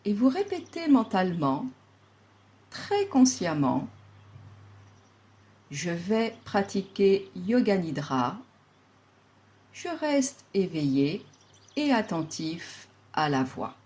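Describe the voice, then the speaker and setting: Guiding a yoga relaxation, this female instructor speaks slowly and deliberately, leaving long pauses. Her tone is calm and soothing, and her voice sits in the middle range.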